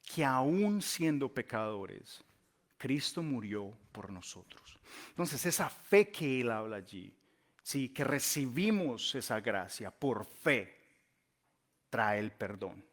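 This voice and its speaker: A male pastor delivers a sermon in a storytelling style. He stresses key words by stretching them out, and his phrase endings fall away softly. His pitch sits at an ordinary middle level for a man. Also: very animated, slow.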